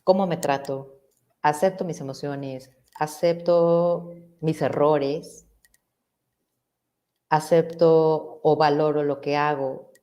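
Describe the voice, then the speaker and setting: A woman's voice: low voice, fairly even intonation, takes it slowly, warm tone. A middle-aged woman psychologist, explaining ideas in a reflective way and asking rhetorical questions. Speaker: psychologist guest. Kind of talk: conversational explanation.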